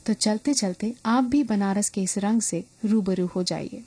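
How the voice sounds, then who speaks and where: A woman giving a scripted documentary narration in a measured, poetic way. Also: mid-range voice, warm tone.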